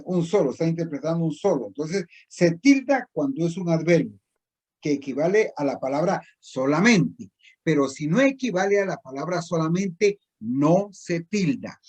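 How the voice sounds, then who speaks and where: A middle-aged male teacher explaining spelling rules slowly and repetitively, with many pauses. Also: on the high side, darkish tone, breathy edge. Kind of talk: recorded distance-learning spelling lesson.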